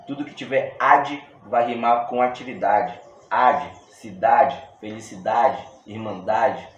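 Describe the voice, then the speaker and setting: A man's voice: on the low side, unhurried, muffled recording. Brazilian man teaching in an echoey room. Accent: Brazilian Portuguese. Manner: relaxed, slangy, explains step by step with many restarts. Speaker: poetry workshop teacher. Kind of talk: casual video lesson. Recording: roomy echo with faint room noise.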